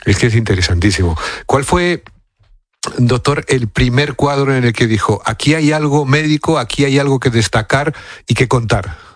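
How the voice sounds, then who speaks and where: A man's voice: mid-range voice, moderate pace, no echo. A man hosting a radio interview in a studio, asking curious, prompting questions of his guest. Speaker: radio host.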